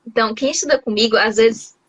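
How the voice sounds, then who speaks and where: A woman's voice: on the high side, fast talker, fairly bright tone, breathy edge, no echo. A woman from Brazil chatting casually over a video call, laughing often and restarting her sentences. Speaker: host, English teacher living abroad.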